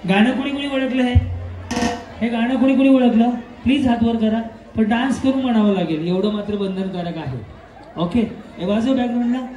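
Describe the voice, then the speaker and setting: A man hosting a quiz for women at a festival event, loud and teasing, scolding noisy people in the crowd through a stage mic. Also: very high voice, a little fast. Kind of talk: live event emceeing over a PA. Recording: echoey PA with music and crowd.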